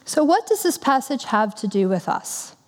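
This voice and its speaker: Woman preacher, higher voice, conversational and earnest sermon, long hall reverb. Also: big pitch swings, normal speed. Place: church.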